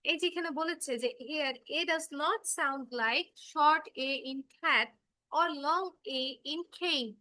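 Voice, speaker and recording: Casting: high-voiced woman teacher, patient, keeps checking the kids follow. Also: very slow, sharp tone, no room sound. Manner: patient, repeats and checks understanding. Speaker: English teacher. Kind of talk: online kids' class, explaining phonics.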